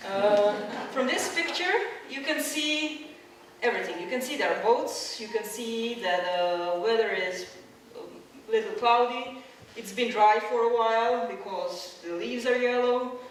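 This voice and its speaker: A woman's voice: on the high side, a little hiss or hum. Woman lecturing in an echoey hall. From Croatia. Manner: explanatory, with many fillers and restarts. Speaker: science lecturer. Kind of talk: public science talk with slides. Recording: echoey hall, mic at a distance.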